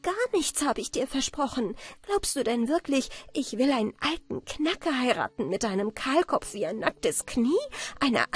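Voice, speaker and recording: A woman voicing an indignant young servant girl in a storybook, speaking raised and lively. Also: sits high, voice pushed up.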